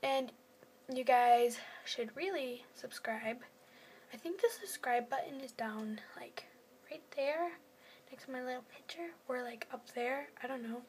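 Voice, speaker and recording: A woman's voice: high-pitched, measured pace, a little mellow, slightly rough. A teenage girl rambling casually to her phone camera in her first vlog, self-deprecating and often dropping to a half-whisper. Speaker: first-time vlogger.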